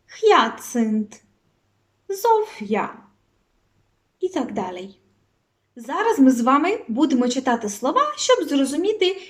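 A woman teaching a beginners' language lesson, pronouncing each example word slowly and often twice. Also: sits high. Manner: slow, careful pronunciation drills, repeating each word twice.

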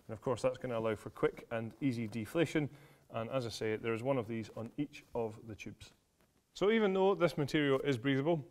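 A man in his thirties giving a product demonstration in an indoor studio, explaining features in a friendly way with frequent "uh" fillers. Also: medium pitch. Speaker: product presenter. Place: large indoor studio with a tent.

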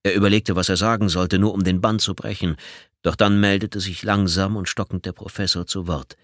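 Male audiobook narrator, deep low voice, measured suspense, dry studio sound. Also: little pitch movement, a bit bright, dry recording. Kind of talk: scripted narration.

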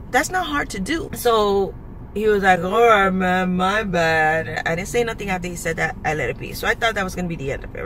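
A woman's voice: medium pitch, poor audio. Chatty woman ranting from her car. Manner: animated storytelling, acting out quoted exchanges, frequent "guys". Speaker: vlogger. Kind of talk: casual storytime rant. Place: inside a car. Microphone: phone camera at arm's length. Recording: loud car and road noise.

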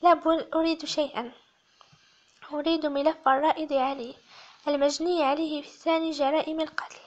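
A woman's voice: sits high, flat delivery, a little mellow, lightly acted. A woman voicing a stern male police chief. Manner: firm, measured. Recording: slightly muffled lo-fi audio.

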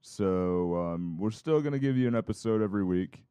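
A man's voice: expressive, moderate pace, mellow, smooth, no room sound. Guy co-host joking around with friends, laughs a lot, dry close mic. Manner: laughs often, tells stories with high-pitched impressions. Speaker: podcast co-host. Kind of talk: casual banter among friends.

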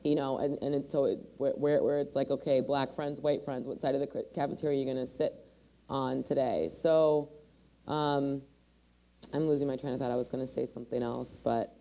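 A woman's voice: a bass voice, fairly even intonation, fairly quick, warm tone. A woman in her forties from Michigan, speaking thoughtfully on a panel, with many restarts. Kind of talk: panel discussion. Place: large hall on a stage.

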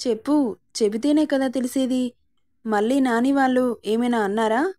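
A woman voicing a loving young husband in a storybook reading, teasing and affectionate by turns, sharp when he feels his wife is wronged. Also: on the high side, normal speed, natural voice. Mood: worried. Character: young man, loving husband, playful and protective.

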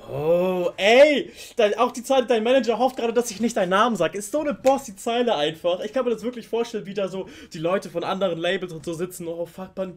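A young man hosting a music reaction, buzzing with hype and sprinkling English slang through his talk. His voice sits a little high for a man. He sounds like an eager fan talking straight to his viewers. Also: a little hiss or hum. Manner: hyped, gushing, mixes English slang into German. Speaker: reaction video host. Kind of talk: excited music reaction chat.

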